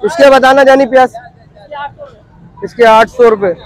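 Man, thirties, high-pitched, chatty vlogger, outdoor market, handheld phone. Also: measured pace, no echo, low-quality recording. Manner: chatty, repeats prices and addresses viewers. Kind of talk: casual walkthrough vlog, asking prices. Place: busy outdoor street market.

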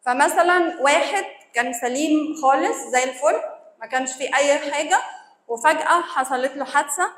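A woman's voice: sits high, fairly bright tone. A woman with an Egyptian accent giving a conversational lecture to church servants, acting out the reactions of the people she describes. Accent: Egyptian Arabic. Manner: conversational, acts out quoted reactions. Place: church hall. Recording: echoey hall.

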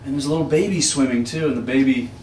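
A man with a deadpan, meandering way of telling a story, his voice sitting at an ordinary middle pitch. He sounds set back from the microphone in a roomy apartment space, with a faint hiss of noise underneath. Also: quick pace. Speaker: experimental music performer. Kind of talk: rambling spoken monologue between improvised music. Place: small apartment used as a live music venue. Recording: roomy, distant live room recording with faint noise.

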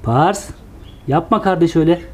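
A pet owner gently coaxing and scolding cats in singsong baby talk. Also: medium pitch, normal speed, noisy background.

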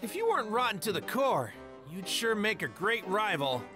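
A man's voice: high-pitched, big pitch swings, moderate pace. A man voicing a cheerful, bold martial-arts hero in a video game, earnest and plain-spoken. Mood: confident. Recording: game music behind the voice.

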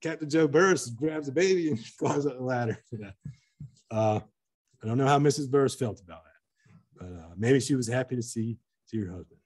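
Husky-voiced male museum curator lecturing. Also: mid-range voice, lively intonation, a little mellow. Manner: reads with pauses and restarts, chuckles at anecdotes. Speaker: museum curator giving a talk. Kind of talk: slide lecture, reading an old article aloud. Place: museum auditorium.

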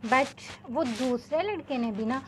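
Young woman vlogger, slightly high pitch, animated casual storyteller who leans on filler words. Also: takes it slowly, noisy background. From Pakistan. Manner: chatty, animated, peppers speech with filler words.

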